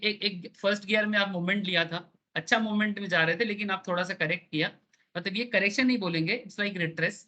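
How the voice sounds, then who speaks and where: A man's voice: high-pitched, bright, forceful tone. A man teaching an online class, explaining with everyday analogies and checking in with his students.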